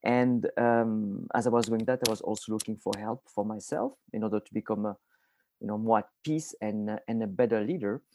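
This is a dry recording of a warm, lowish male voice. He's a podcast guest from France in his forties with a French accent, giving conversational interview answers. He halts often and gropes for the right words partway through his sentences.

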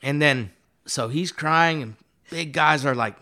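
A man's voice: fairly high pitch, measured pace, sharp tone. A man, a guest artist, telling a long story in a casual, rambling and profane way, with many fillers. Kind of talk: casual storytelling in a podcast interview.

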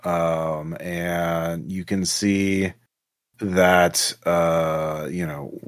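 Casually narrating off the cuff as a tabletop game master, a man speaks haltingly with drawn-out pauses, in a low voice with a level tone.

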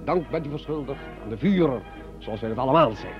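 A man's voice: mid-range voice, animated, fairly quick, natural voice. An actor playing a formal male doctor in an old drama. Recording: dull old recording with music.

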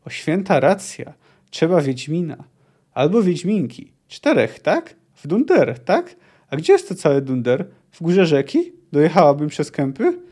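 A man's voice: on the high side, sing-song, measured pace, warm tone, breathy edge, heavily acted. A man reading as a bitter young witcher girl. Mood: bitter defiance. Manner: clipped and scornful. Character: fierce young female witcher, bitter and vengeful.

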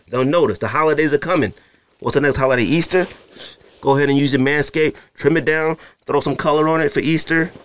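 A married adult man with a mid-range voice hosts a sneaker podcast, recorded with no room sound. Animated and joking, he talks casually and directly to his listeners in a solo chat that includes an ad read.

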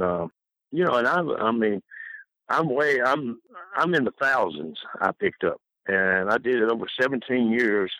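A man's voice: fairly low pitch, a bit bright, no room sound, rough recording. An older American man, rambling through folksy, colloquial anecdotes as an interview guest. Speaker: interview guest telling career stories. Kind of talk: rambling anecdotal casual talk.

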